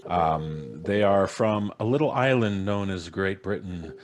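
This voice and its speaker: Speaking a little slowly in a low-pitched voice, a middle-aged man hosts a casual live stream as a podcast host, giving jokey, theatrical introductions. He works from a small indoor home studio on a video call, into a boom-arm studio mic.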